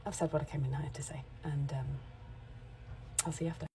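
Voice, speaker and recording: A woman's voice: low voice, fairly even intonation, a little fast, mellow, soft background music. A woman in her forties, a makeup artist, talking candidly and rambling a little in a casual vlog straight to camera. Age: 40s. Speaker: makeup artist and content creator.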